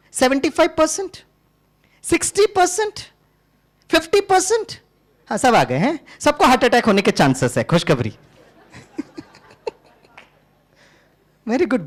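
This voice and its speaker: A middle-aged man from Tamil Nadu, an engineering teacher giving a lively motivational talk to a live audience, switching between Hindi and English and acting out dialogues. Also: extremely high pitch. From Tamil Nadu, India. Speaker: engineering teacher and spiritual speaker.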